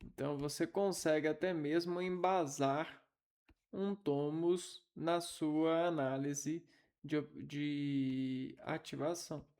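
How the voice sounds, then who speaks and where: A man giving an informal linguistics lesson, halting and thinking aloud as he repeats syllables. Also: a little high, fairly even intonation, a little mellow. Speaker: teacher.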